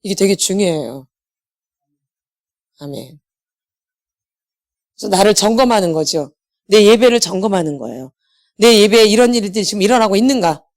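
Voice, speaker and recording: A woman's voice: medium pitch, lively intonation, normal speed, long pauses. A middle-aged woman preaching to her congregation. She keeps asking them questions and answers them herself. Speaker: pastor's wife leading a healing meeting. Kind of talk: sermon.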